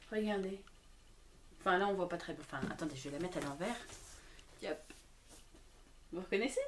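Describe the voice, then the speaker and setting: A young woman, a book blogger, chatting casually and gushing with excitement as she opens presents at home. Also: on the high side, slight background noise. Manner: excitable, gushing, full of exclamations. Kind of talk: casual unboxing chat.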